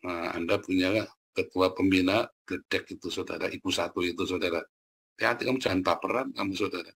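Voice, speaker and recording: A man preaching a sermon in a booming, teasing, colloquial way. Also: fairly even intonation, a little fast, vocal fry, fairly bright tone, breathy edge. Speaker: pastor.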